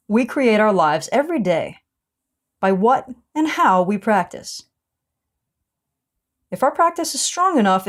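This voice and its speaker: A woman yoga teacher reading her own blog post aloud, with a punchy, sarcastic delivery and sudden lifts in pitch.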